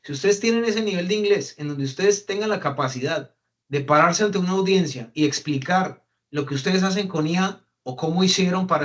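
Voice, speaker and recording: A young Colombian man with a Colombian accent and a voice somewhat high for a man gives a casual talk to an audience as a guest speaker on migration. He speaks conversationally, filling gaps with "eh," restarting phrases as he thinks, and mimicking English phrases.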